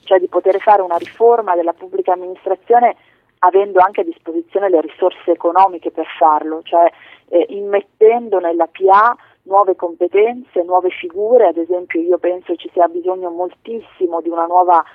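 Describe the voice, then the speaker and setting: A woman heard over a phone line, answering interview questions as a politician guest in a measured way, with frequent hesitations and filler phrases. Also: lowish voice, fairly even intonation, no room sound. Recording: tinny dry phone line.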